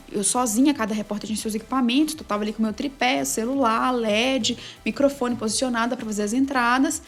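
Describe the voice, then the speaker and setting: A woman sports journalist and narrator, a guest telling a story with quick, emphatic energy in a casual interview. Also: fairly high pitch, a bit bright.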